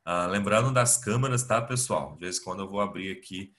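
A Brazilian man teaches a grammar lesson over a video call, picked up by his computer mic. His voice sits a little low yet sounds bright and forceful. He explains patiently, one step at a time, with frequent fillers. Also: fairly quick. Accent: Brazilian Portuguese. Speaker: English teacher. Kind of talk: online class lecture. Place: home, remote video class.

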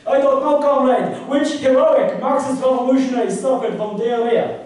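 A man playing a deadpan Soviet KGB comrade in a live comedy double act, with a mock Russian accent and stiff, broken English. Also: extremely high pitch, moderate pace. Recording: echoey hall from far off.

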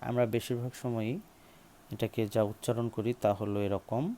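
A man's voice: medium pitch, flat delivery, dark tone, a little hiss or hum. A man teaching English pronunciation, spelling out words, saying each one several times and asking his viewers questions. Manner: slow, repeats each word to drill it. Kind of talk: spoken English lesson.

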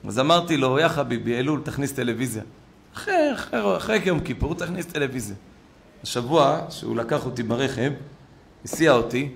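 Gravelly rabbi telling a sermon story. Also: male voice, mid-range voice, a little hiss or hum. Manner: animated, swings from loud exclamations to hushed asides. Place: synagogue.

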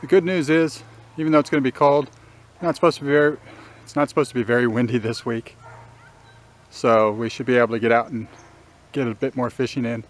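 A middle-aged man talking casually to the camera on a riverbank, in a relaxed, matter-of-fact way with small restarts. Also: mid-range voice, brisk, pauses often. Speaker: fishing vlogger. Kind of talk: casual outdoor commentary. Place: riverbank outdoors. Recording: faint outdoor nature ambience.

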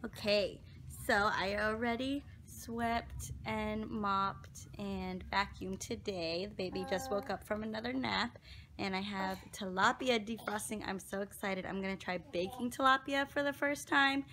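Bright-voiced young woman vlogging at home. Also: mid-range voice, a little slow, a little hiss or hum. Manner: chatty and upbeat, talks straight to viewers. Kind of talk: casual vlog chat. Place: at home indoors.

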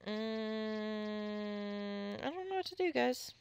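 A woman giving chatty, excitable commentary on her own gameplay into a close mic, with sudden squeals when something catches her eye. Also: medium pitch, very slow, creaky, clear, resonant tone, dry recording. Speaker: let's play gamer.

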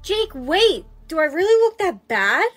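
A woman with a high voice performing skit dialogue, very emotive and shifting easily between fear and excitement. Light background music plays faintly behind her. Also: unhurried. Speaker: lead in a storytime skit.

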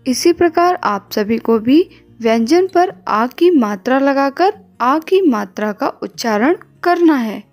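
A woman teaching a recorded online lesson to young children, with slow, drawn-out, sing-song prompts and repeated questions. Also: high voice, expressive, soft background music. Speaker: kindergarten teacher.

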